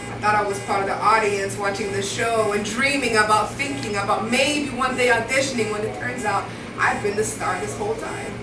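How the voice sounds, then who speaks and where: A woman's voice: medium pitch, steady tone, brisk, hardly any pauses. A woman in her twenties from Rwanda, performing spoken word poetry live with an earnest, rhythmic delivery that builds through repetition. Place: indoor live venue. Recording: echoey room, voice from far off, music behind.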